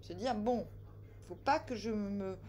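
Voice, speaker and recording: In a laid-back tarot session, a woman chats directly with viewers, trading jokes, teasing and scolding, sometimes bursting out loudly, sometimes murmuring asides. She has a mid-range voice and takes her time.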